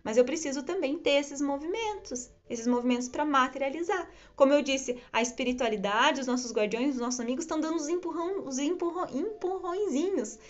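A woman with a high voice gives a reflective spiritual talk. She speaks earnestly, circling back over the same phrases and tagging her points with little questions. The recording sounds slightly muffled and lo-fi. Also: fairly quick, hardly any pauses. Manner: earnest, repeats phrases, many tag questions. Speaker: spiritual teacher.

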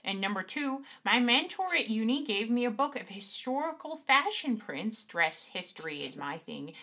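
A woman's voice: fairly high pitch, big pitch swings, moderate pace, sharp tone. A woman co-hosting a podcast, chatting casually and offering supportive, encouraging words. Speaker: podcast co-host. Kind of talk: casual chat.

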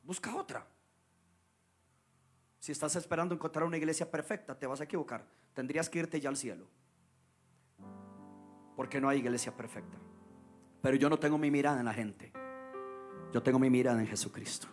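Fervent preaching man over soft guitar. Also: medium pitch, fairly quick, long pauses. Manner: fervent preaching, calls for amens and repeat-after-me, swells loud on scripture. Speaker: pastor. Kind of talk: sermon. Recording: soft guitar music behind.

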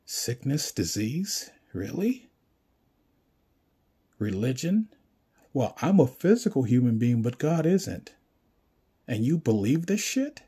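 A man's voice: mid-range voice, dark tone, husky. A man delivering a profane, confrontational rant straight at the listener and insulting them as he goes. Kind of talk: ranting monologue.

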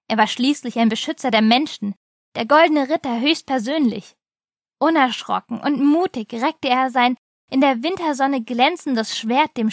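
A woman reading a children's advent story aloud in a calm, steady storybook manner. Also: a little high, dry recording, clean studio sound.

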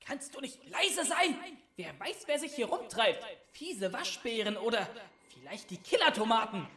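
A woman's voice: on the high side, big pitch swings, moderate pace, crowd noise. A woman voicing a crude, sarcastic male crow-like creature in a comedy audio play. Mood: snappy.

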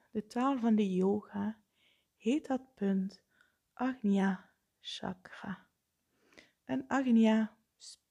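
A woman leading a guided meditation, speaking softly with frequent breathy, half-whispered phrases. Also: mid-range voice. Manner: slow, soft-spoken, often breathy and whispered.

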